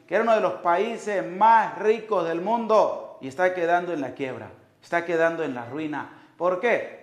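Slow, emphatic priest in an echoey chapel. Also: male voice, fairly high pitch. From Venezuela. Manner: emphatic, repeats rhetorical questions. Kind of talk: sermon. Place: chapel altar, indoors. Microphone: lapel mic.

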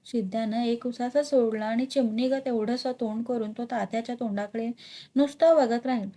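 A woman narrating a literary short story with a steady, measured reading. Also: fairly high pitch. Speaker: story reader.

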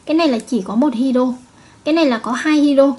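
A woman's voice: high-pitched, fast, darkish tone. A woman chemistry teacher giving a recorded video lesson, patiently repeating each point and checking with her students.

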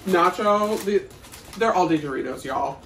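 A young adult guy co-hosts a playful, casual vlog, chatting to camera about a grocery haul in a small kitchen at home. His voice is kind of high, with lively intonation, an unhurried pace, and some vocal fry. The camera sits a few feet away, so the sound is roomy and distant with faint noise.

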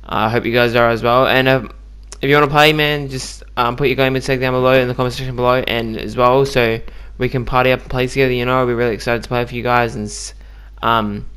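A man's voice: mid-range voice, flat delivery, fast talker, few pauses, a bit bright, clean tone. A man giving casual, chatty commentary on a video game he just played, with lots of ums and likes. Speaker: gaming YouTuber.

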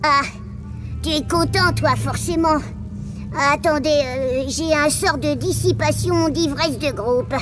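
A woman voicing an excitable, fussy young magician in a comic fantasy video game. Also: high voice, slow, music in the background. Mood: bossy.

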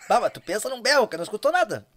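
A man with a southern Brazilian accent from Rio Grande do Sul, an accordion player telling jokey stories in a casual podcast chat. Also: high voice. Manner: animated, jokey storyteller who laughs a lot.

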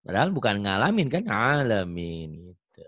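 A man's voice: on the low side, sing-song, moderate pace, fairly bright tone, breathy edge, no room sound, clean studio sound. A male Quran reading teacher giving an online tajwid lesson, patiently explaining and repeating letter sounds.

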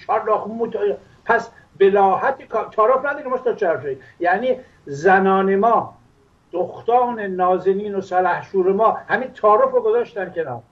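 An older man from Iran hosting a political talk show, speaking in impassioned, emphatic bursts. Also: sits high. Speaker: host. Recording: dull lo-fi sound.

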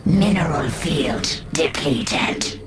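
Ominous alien adviser, swooping pitch. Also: female voice, animated, very slow, full character voice. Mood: ominous alert. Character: alien swarm adviser issuing urgent alerts. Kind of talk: video game announcer alerts. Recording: loud game music behind. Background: game music.

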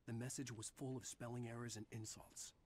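Brooding male game narrator, played by a man, husky and hushed. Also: mid-range voice, level tone, brisk, natural voice. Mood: tense.

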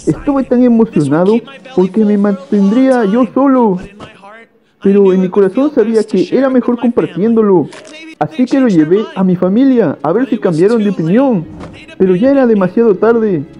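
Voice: medium pitch, animated, moderate pace, warm tone, natural voice. A reactor reading aloud the lines of a small abandoned puppy in the first person, on a dull lo-fi recording. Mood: sad.

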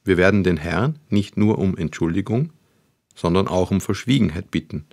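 A man's voice: low-pitched, moderate pace, vocal fry, darkish tone, no echo. A man voicing a grumpy, weary old father who speaks sternly and dryly. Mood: calming. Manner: stern, dry, sighing.

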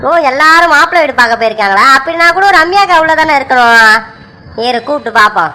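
A woman's voice: high-pitched, expressive, fast talker, pushed and bright. A woman voicing a brash, idle young village man who argues and whines as he demands to be let into the house. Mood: puzzled. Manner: whiny, demanding, argumentative. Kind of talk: cartoon voice acting.

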